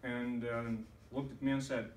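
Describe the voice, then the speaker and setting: A man's voice: medium pitch, little pitch movement, measured pace, a little hiss or hum. Man telling a story in an echoey hall. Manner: hesitant, many fillers. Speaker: club speaker. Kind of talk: storytelling speech. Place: meeting room. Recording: roomy hall, mic far off.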